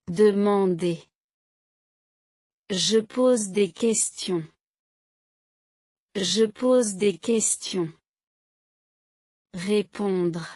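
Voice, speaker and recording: A woman teaching French vocabulary in a slow drill, saying each word and then a short sentence twice, clearly and deliberately. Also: medium pitch, darkish tone, dry recording, clean studio sound. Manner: clear, deliberate, evenly paced.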